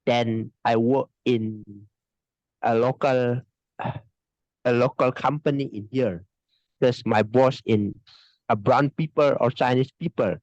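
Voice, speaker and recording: On a relaxed video call, an Indonesian man who teaches English online is interviewed, speaking slowly with many false starts, hesitations and laughs. His voice is middle-pitched, steady and a bit mellow, and the dry call audio is a touch muffled.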